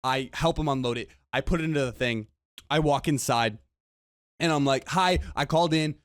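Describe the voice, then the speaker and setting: Young male vlogger, mid-pitched, dry close sound, rambling exasperated storyteller. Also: normal speed, no room sound. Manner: exasperated, rambling storytelling with repeated words and slang. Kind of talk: storytime vlog.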